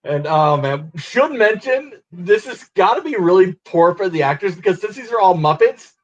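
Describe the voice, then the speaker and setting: This podcast host's high-sitting voice has lively intonation and a moderate pace, though the audio is dull. He rambles and laughs often while hosting a casual watch-along, coming through a laptop on a distorted video call.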